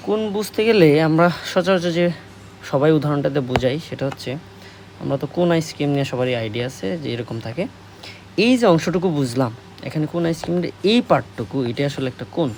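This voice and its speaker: Brief: male math tutor, Bangladeshi Bengali accent, slightly high voice, patient quiz-and-answer delivery, faint hiss. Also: lively intonation, darkish tone. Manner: slow, repetitive, asks questions and answers them. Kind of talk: classroom lesson explaining at a board.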